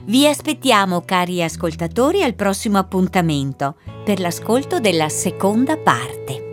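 A woman's voice: medium pitch, sing-song, normal speed, over music. A woman presenter giving a formal sign-off for a radio reading program. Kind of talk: scripted announcement.

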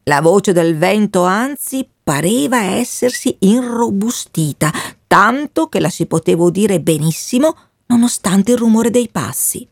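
A woman reading a novel aloud in a calm, measured way. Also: medium pitch, gravelly, dry recording, studio quality. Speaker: reader. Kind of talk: audiobook reading.

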